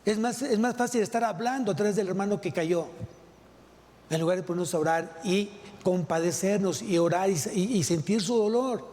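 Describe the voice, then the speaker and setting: In a large church hall, a male pastor with a Mexican Spanish accent preaches, posing rhetorical questions and repeating key phrases. His voice is high-pitched and dark in tone, at a moderate pace. Long hall reverb colors the recording.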